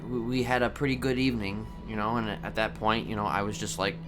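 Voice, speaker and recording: With loud music behind him, a streamer improvises in-character storytelling in a crime roleplay game as a brooding male prisoner seeking to reform. His fairly low, natural voice keeps a fairly even intonation as he confides in a wistful, halting, deliberate way, repeating words.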